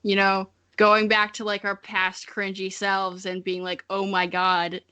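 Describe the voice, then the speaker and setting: A young American woman, early twenties and from Missouri, hosts a podcast of casual comedic chat where she pokes fun at herself. Her mid-range voice is monotone and unhurried, bright, forceful and smooth.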